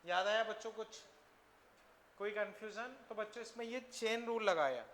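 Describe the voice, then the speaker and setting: A man teaching a physics class, often stopping to ask his students if the steps are clear. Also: high voice, normal speed, a bit bright. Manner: addresses students as children, asks frequent checking questions. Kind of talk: classroom lecture. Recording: echoey classroom, faint noise.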